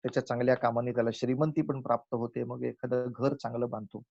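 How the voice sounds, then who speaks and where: A man giving a spiritual lecture, telling folk tales and slowly chanting verses between his explanations. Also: medium pitch, flat delivery, gravelly, a little mellow, husky, dull audio. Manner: acts out village characters in a folk tale, chants verses slowly.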